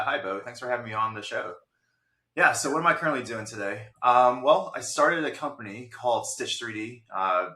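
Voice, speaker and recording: A man from Taiwan, a company founder, giving measured, explanatory interview answers with frequent fillers. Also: low-pitched, pushed and bright, echoey room. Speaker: guest, startup founder.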